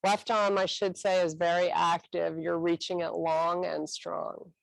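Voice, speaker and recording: Slow, gravelly-voiced woman stretch instructor. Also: on the low side, no room sound, low-quality recording. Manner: calm, encouraging cueing with a slow, unhurried delivery.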